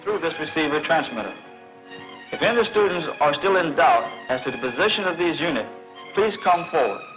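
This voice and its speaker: Guy doing marine sergeant teaching class, methodical, voice a bit high, muffled old film w music. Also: animated, a little fast, lightly acted. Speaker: military instructor. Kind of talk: formal technical classroom instruction.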